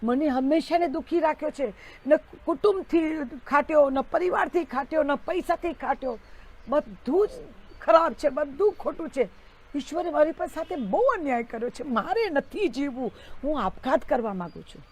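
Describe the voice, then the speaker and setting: A woman's voice: animated, normal speed, darkish tone. A woman voicing a despairing man who bitterly complains that God has treated him unfairly. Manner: high, strained, complaining.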